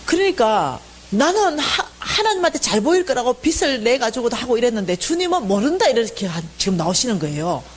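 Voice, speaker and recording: Lively woman preaching her testimony. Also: fairly high pitch, a little fast, few pauses, slight background noise. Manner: animated storytelling, acting out prayers loudly; speaks to the audience directly. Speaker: church finance lecturer. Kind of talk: personal testimony sermon.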